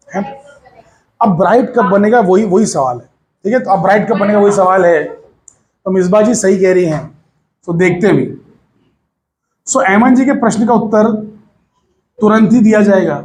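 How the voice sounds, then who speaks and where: High-voiced man teaching a physics class. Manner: lively, coaxing, addresses students as beta, mixes English phrases.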